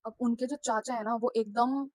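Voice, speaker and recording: A young woman telling a personal story in a casual, animated storytime vlog, acting out the people she quotes. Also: a little high, moderate pace, no room sound, rough recording.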